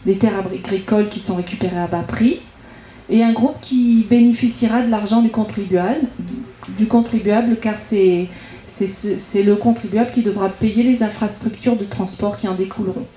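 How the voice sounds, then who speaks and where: With a dark, mid-range voice, fairly even intonation and normal speed, a French-accented woman from France speaks as a local campaigner. She delivers a prepared political speech at a public debate in an echoey indoor meeting room, methodically arguing and listing her points.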